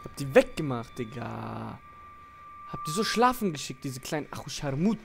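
A man's voice: medium pitch, big pitch swings, moderate pace, gravelly, noisy background. A young man giving casual live gaming commentary as a streamer, with slangy, boastful trash talk. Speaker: game streamer. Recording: music behind the voice.

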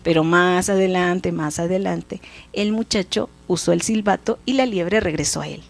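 A woman, hosting a show and telling a folk tale in a lively, expressive, casual way. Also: on the low side, moderate pace, vocal fry. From Mexico. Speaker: storyteller host. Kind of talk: folk tale storytelling for children.

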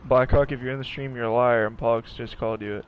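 A man streaming a shooter game, making quick callouts and swearing at his teammates in casual chat. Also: mid-range voice, fairly even intonation, dull audio, slight background noise. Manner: profane, trash-talking callouts. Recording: game gunfire behind. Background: gunfire and explosions.

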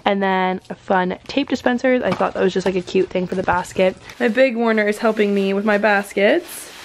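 A young American woman talks casually to a handheld vlog camera like a bubbly sorority girl. Her voice sits at a middle pitch with noticeable creaky fry. There is some noise behind her. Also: fairly even intonation, brisk. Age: young adult. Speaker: student vlogger, sorority member. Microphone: handheld camera at arm's length. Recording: faint to clear background noise, handheld camera.

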